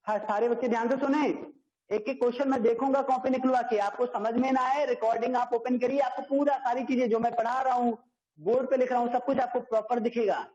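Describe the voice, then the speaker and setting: A man's voice: very high-pitched, fairly even intonation, quick pace, a little mellow. A man with an Indian accent teaching a maths class online, strict and repeating his phrases. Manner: strict, repeats phrases, mixes Hindi and English. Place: classroom or home at a board. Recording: echoey, dull lo-fi online class audio.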